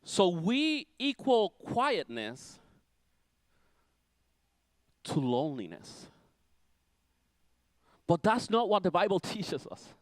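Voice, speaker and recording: A man preaching with a high, very lively voice that leaps between ringing declarations and hushed near-whispers. The sound is dry and close, with no room echo. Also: slow pace, long pauses. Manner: dramatic, swings from loud declarations to near-whispers. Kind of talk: sermon.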